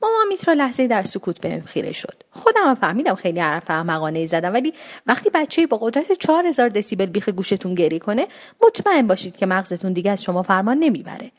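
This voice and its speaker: A woman narrating a first-person story with a wry, comic, animated delivery. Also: mid-range voice.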